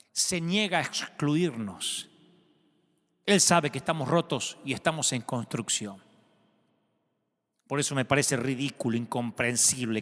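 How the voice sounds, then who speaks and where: A man preaching a sermon, telling a story dramatically and swinging between hushed and loud passages. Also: fairly high pitch, in a large hall. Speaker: pastor.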